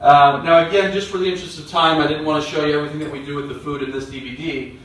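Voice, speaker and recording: A male dog trainer calmly explaining and demonstrating training steps, talking to viewers and the dog. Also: a little high, fast talker. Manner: calm, explanatory, coaxing commands to a dog. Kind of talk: instructional demonstration. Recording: very echoey room, distant mic.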